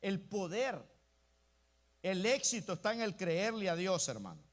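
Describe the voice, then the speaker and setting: A man's voice: high voice, very animated, measured pace. A male pastor preaching an emphatic sermon, often calling out to the congregation as brothers. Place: church.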